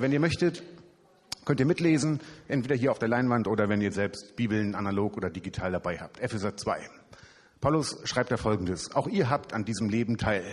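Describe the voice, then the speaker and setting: Casual male evangelist, husky, chatty sermon delivery, handheld mic in a reverberant hall. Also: mid-range voice. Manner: chatty, informal, self-deprecating humor. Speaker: youth evangelist preacher. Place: church service hall. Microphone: handheld microphone. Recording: hall reverb from a church room.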